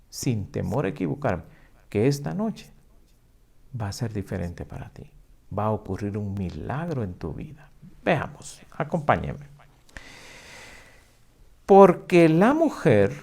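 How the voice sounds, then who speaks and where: A man's voice: fairly high pitch, gravelly, darkish tone. A male pastor preaching emphatically, asking the listener rhetorical questions and acting out their objections. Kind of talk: sermon.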